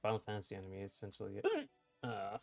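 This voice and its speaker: Gravelly hiccuping man in his thirties. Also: mid-range voice, fairly even intonation, moderate pace, faint music behind. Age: 30s. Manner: reads chat aloud, wry and blunt. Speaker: livestreamer. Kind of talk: casual livestream chat.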